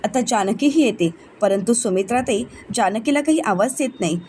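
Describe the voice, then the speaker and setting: A woman's voice: a little high, lively intonation, moderate pace, a little mellow, slight background noise. A woman narrating a recap of a television serial, acting out the characters' quoted lines with her voice rising.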